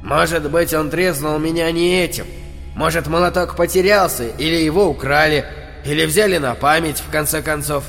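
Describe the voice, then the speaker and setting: A man voicing a steady, kindly hotel cook in his sixties who talks in a calm, practical, reassuring way, as part of an audiobook reading. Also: on the high side, normal speed, gravelly, soft background music. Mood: musing.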